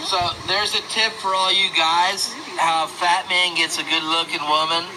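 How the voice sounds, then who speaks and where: A man's voice: high voice, steady tone, normal speed, background noise. A man in casual chat, joking and self-deprecating. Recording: music playing over the voice.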